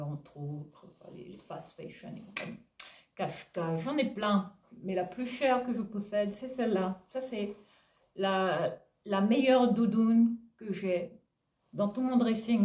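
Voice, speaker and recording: A woman's voice: medium pitch, a little mellow. A woman vlogging at home, chatting casually to her viewers about her outfit, talking to them as "les filles" with lots of fillers and laughs. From Réunion. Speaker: fashion vlogger. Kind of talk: casual haul video chat.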